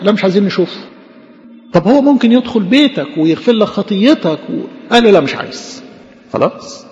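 A man preaching with an Egyptian Arabic accent, his voice pitched high and his delivery quick. He keeps posing questions and answering them himself, like a lively chat with the congregation. The sound rings with a long hall reverb and is slightly dull. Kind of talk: sermon.

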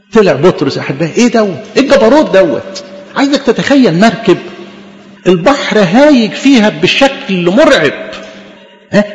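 A man with an Egyptian Arabic accent preaching an impassioned sermon, calling his listeners beloved. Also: high-pitched. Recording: dull lo-fi recording with long reverb.

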